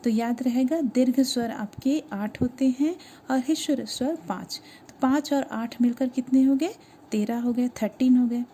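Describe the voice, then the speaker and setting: Woman teacher going over grammar for kids, high voice but kinda dark and mellow, slows down to sound out letters. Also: slight background noise. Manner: explains step by step, asks questions then answers them. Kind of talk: grammar lesson for schoolchildren.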